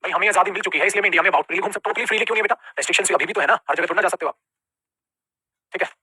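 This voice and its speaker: A man's voice: sits high, racing, bright, forceful tone, slightly rough, no echo. A man with an Indian accent teaching an English grammar lesson, mixing Hindi with English terms, calling his students "beta" and answering his own questions. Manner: calls students "beta" and asks them questions he answers himself.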